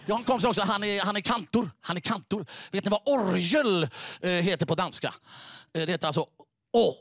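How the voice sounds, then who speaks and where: A man doing a stand-up comedy routine on stage, halting with many fillers and playful repetition. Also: high voice, a bit bright, dry recording, studio quality.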